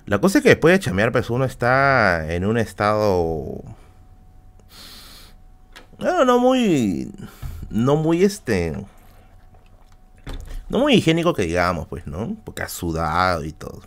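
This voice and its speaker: A man's voice: lowish voice, wildly swooping pitch, slow, pauses often. A man with a Peruvian accent telling a personal anecdote on a live stream, casual and slangy, with many fillers and asides to the audience. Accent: Peruvian Spanish.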